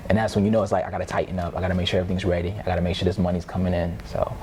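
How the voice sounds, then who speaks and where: A man in his thirties, a father on a discussion panel, telling a story in a lively way with laughing asides. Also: low voice, racing. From Arizona. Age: 30s. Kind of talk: casual group discussion. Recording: noisy room ambience.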